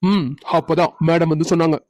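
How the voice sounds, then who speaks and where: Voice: medium pitch, level tone, fairly quick, darkish tone, no echo, natural voice. A performer voicing a playful young husband in a cartoon who teases his wife with chuckles. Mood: teasing. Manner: teasing, chuckling. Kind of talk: cartoon voice acting.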